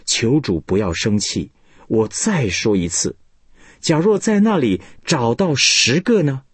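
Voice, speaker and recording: A man's voice: mid-range voice, very animated, a little slow, husky, no room sound, voice pushed up. A man reading scripture aloud, voicing an elderly man earnestly imploring his God. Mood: pleading.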